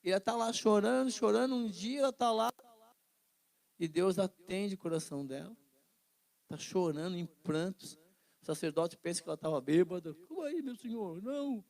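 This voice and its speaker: A middle-aged Brazilian man teaching an informal Bible class with a fairly high voice. He retells the stories in a lively way and slips into the voices of the people in them. He often turns to his listeners for a quick nod of agreement. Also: gravelly. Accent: Brazilian Portuguese. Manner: animated storytelling, acts out quoted voices, asks listeners "né?".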